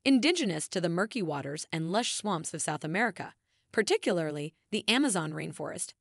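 A woman reading scripted nature documentary narration in a measured, formal, grandly emphatic way. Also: lowish voice, no room sound, clean studio sound.

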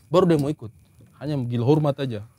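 A man's voice: mid-range voice, fast talker, mellow, a little hiss or hum. A man, telling jokes and stories in a casual chat. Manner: joking, storytelling. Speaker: comedian.

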